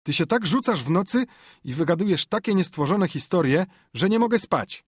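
A man's voice: high-pitched, animated, moderate pace, husky, no room sound, studio quality, voice pushed up. A man doing a whiny tattling boy. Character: complaining young boy, a sulky younger brother.

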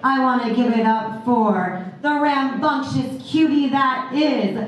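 Her voice is high-pitched and slow as this thirty-something woman emcees a burlesque show, teasing the audience while bringing on each act. She holds a handheld mic on a brick-walled club stage indoors. A camera far away captures an echoey club with background noise.

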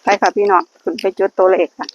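A woman with an Isan accent giving blessings and luck advice to her viewers at a temple, earnestly addressing them as brothers and sisters. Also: fast talker. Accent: Isan (Northeastern Thai). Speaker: vlogger guiding lottery luck prayers. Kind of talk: casual blessing-filled vlog talk. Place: temple grounds. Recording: dull lo-fi recording with faint noise.

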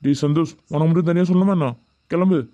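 Guy doing a strict middle-aged lecturer in a cartoon, scolding fast, dark dry voice. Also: fairly high pitch, steady tone, dry recording, dull audio, natural voice. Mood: stern. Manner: scolding, demanding answers. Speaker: college lecturer. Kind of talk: animated cartoon dubbing.

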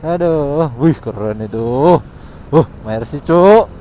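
A man giving casual motovlog commentary while riding a scooter in city traffic, chatty and quick to exclaim, recorded on a helmet intercom mic. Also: a little high, animated, warm tone. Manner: chatty, exclaims often, laughs between remarks. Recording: wind and traffic noise.

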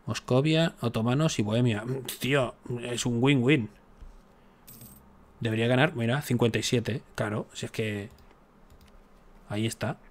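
A male gaming YouTuber speaks at normal speed and middle pitch while playing a strategy game. His let's-play commentary is casual, joking, and chatty, and he throws exasperated comments at the game as he goes.

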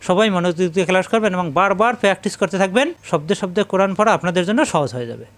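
Bangladeshi Bengali-accented man, high voice, patient teacher repeating syllables slowly for a Quran reading lesson. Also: fairly bright tone. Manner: slow, repetitive syllable drilling. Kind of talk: step-by-step spelling lesson.

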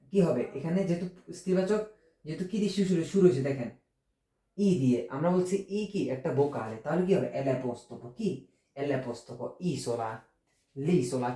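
Bengali-speaking male tutor, fairly high and mellow voice, drills words slowly, asks himself questions. Recorded in an echoey room. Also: animated. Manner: explains step by step with many rhetorical questions. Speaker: Italian language teacher. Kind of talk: informal online language lesson.

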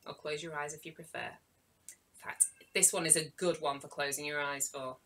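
A woman, a children's author, telling a story to young children with dramatic gasps and hushed asides. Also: low voice, fairly even intonation, normal speed.

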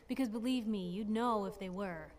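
A woman's voice: medium pitch, normal speed, darkish tone, lightly acted. An actress playing a brash young woman companion in a video game, breezy, confident and wry. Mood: friendly. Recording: game audio heard from a distance.

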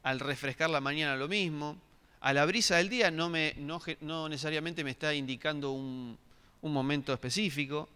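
A man's voice: on the high side, fairly even intonation, moderate pace, pushed and bright, clear, resonant tone. A middle-aged man, giving a sermon and asking the congregation questions, with many restarts. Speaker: pastor. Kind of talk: interactive sermon. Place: church hall. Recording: long reverb of a church hall.

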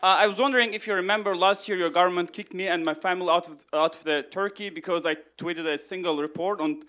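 Quick-talking, fairly high-voiced male journalist, pointed question from the floor. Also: fairly even intonation, pushed and bright. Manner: pointed, brisk. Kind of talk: audience question. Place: conference hall.

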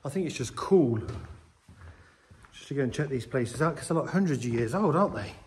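A man's voice: medium pitch, expressive, a little fast, a little mellow. A middle-aged man vlogging casually as he walks around outdoors and through a small stone church, chatting with many restarts, filmed on a handheld camera at arm's length. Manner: chatty, rambling, often restarting sentences. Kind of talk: casual walking vlog chat.

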